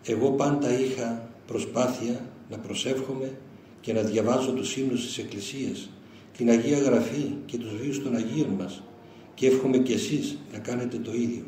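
An older man, a monastic elder giving an informal, animated spiritual talk, telling stories with chuckles. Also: mid-range voice. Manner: conversational, animated storytelling with chuckles. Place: lecture hall. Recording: roomy hall sound with faint noise.

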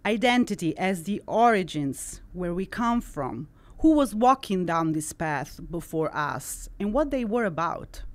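A middle-aged woman from central Italy with an Italian accent, hosting a studio podcast and reading a measured, scripted introduction into a boom mic. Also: expressive. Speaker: host. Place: studio with wood-slat wall. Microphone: boom-arm studio mic.

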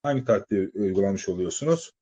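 A man lecturing exam candidates in a slightly husky voice. He talks in a loose, conversational way, firing rhetorical questions at the class and stretching out filler sounds while he thinks. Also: deep voice, animated, quick pace, mellow, lo-fi sound. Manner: asks students rhetorical questions, many "e" fillers. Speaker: exam-prep teacher. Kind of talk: live lecture to students.

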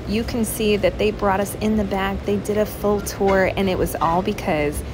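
Woman, voice-over narration, friendly tour guide manner, mid pitch, music under. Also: fairly even intonation, normal speed. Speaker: vlog co-host narrating.

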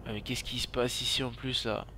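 A man's voice: mid-range voice, level tone, a little fast, noisy background. Frantic swearing man over game sirens. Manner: frantic, swears a lot, repeats exclamations. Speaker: gaming YouTuber role-playing his character. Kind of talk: in-character game commentary. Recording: loud car and siren game sounds behind. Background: car engines and police sirens from the game.

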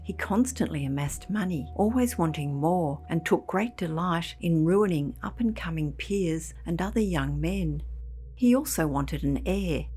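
A woman with a somewhat low voice reads a scripted ghost story. Her tone is husky and a little breathy. The delivery is measured, in the manner of someone reading from a storybook. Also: darkish tone. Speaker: narrator.

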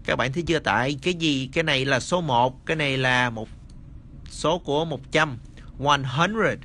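A man teaching English number words in a casual spoken lesson, slowly repeating each word and checking that the viewers follow. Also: mid-range voice, pushed and bright, slight background noise. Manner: slow, repeats words, addresses viewers as friends.

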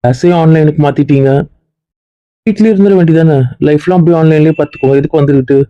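A man's voice: fairly high pitch, fast talker, dry recording, lo-fi sound, close to an everyday voice. A man playing a stern male college dean who lectures and reproaches a student, in a web series drama. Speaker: actor.

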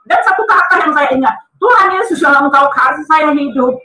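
Fast, bright-voiced woman giving testimony. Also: sits high, expressive, far from the mic. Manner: earnest, emphatic, often addresses listeners as friends. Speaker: testimony speaker. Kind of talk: emotional personal testimony. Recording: echoey room, voice from off-mic.

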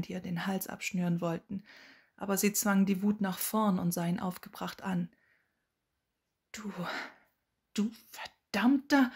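A woman narrating a fan fiction audiobook in a soft, often hushed delivery. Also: lowish voice, husky. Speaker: audiobook reader.

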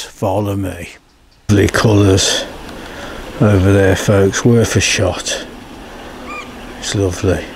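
An older Englishman vlogs as he rides a canal towpath, speaking in a low, creaky, slightly rough voice through a cabled mic. He's chatty and keeps saying "folks" and "follow me."

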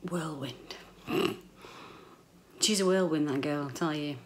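A middle-aged British woman chats to her viewers in a slightly low voice. She rambles playfully and casually, with some mild swearing. The sound is echoey, recorded on a handheld camera in a room at home. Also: slow, a little hiss or hum. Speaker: vlogger. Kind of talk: casual chatty vlog to camera. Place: small echoey bedroom at home, indoors. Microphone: handheld camera at arm's length.

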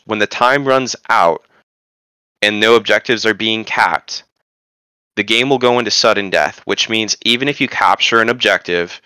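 A man's voice: fairly low pitch, sharp tone, clean tone, dry recording. A man giving an informal pre-game briefing as a tournament organizer, emphatic and often checking that he is understood. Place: indoors, online group voice chat.

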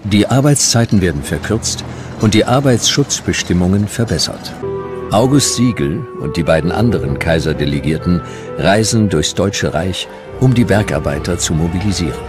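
A man with a very low voice delivers scripted narration for a historical documentary, expressive and at a moderate pace, with music clearly audible behind him.

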